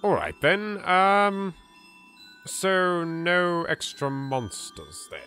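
Over game music, an Englishman with an English accent voices casual let's play commentary, animated and reactive yet politely chatty. His voice sits high, and he speaks extremely slowly.

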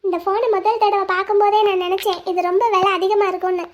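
A woman's voice: very high voice, flat delivery, fast talker, slight background noise. A woman voicing a poor, proud young woman in a cartoon drama, sad and resolute. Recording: dull lo-fi audio.

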